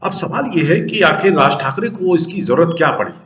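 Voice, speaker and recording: Pitched on the high side, this male host talks fairly fast in a sing-song, fairly bright voice, offering forceful political opinions and posing questions only to answer them. His recording echoes as if in a large room.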